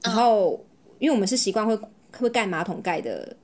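Animated woman podcast cohost. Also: mid-range voice, brisk, a little hiss or hum. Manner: animated storyteller, mixes in English words. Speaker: podcast co-host. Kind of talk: casual chat.

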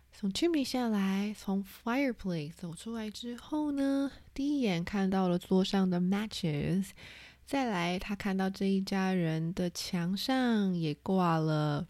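Slow, mellow-voiced woman teaching vocabulary. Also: mid-range voice, no echo. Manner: spells words letter by letter, repeats terms. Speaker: English teacher. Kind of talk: vocabulary lesson.

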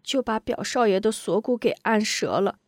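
A woman's voice: mid-range voice, animated, normal speed, no room sound, studio quality, close to an everyday voice. A woman voicing a timid young maidservant girl who stammers and hurries her words. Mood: flustered.

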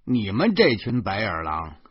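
A man voicing a hot-tempered older uncle on the phone, sighing at first and then shouting. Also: fairly low pitch, expressive, slow pace, husky, dry recording, exaggerated voice. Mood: furious. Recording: dull, dry.

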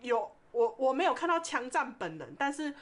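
A woman, chatting on a podcast. Her voice sits a little high, and she tells her stories with animation, laughing in the middle of sentences. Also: normal speed. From Taiwan. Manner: animated storyteller, often laughing mid-sentence. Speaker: podcast co-host. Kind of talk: casual chat, storytelling.

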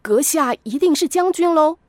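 A woman's voice: animated, normal speed, dry recording, studio quality. A woman doing a haughty army major. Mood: anxious. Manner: haughty, then eager and anxious, higher voice. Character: arrogant male army major turning fearful.

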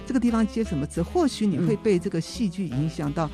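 Woman, middle-aged, from Taiwan, acting teacher, fast talker, lively pitch, demonstrates voices, podcast guest. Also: music in the background. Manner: animated, demonstrates voices with big pitch jumps. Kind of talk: casual podcast interview.

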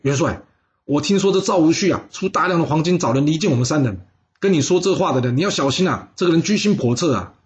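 Brief: crafty noble, played by a male narrator, high, smooth and insincere. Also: lively intonation, fast, lightly acted. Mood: sly. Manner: smooth, feigning loyalty. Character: shrewd, scheming male noble.

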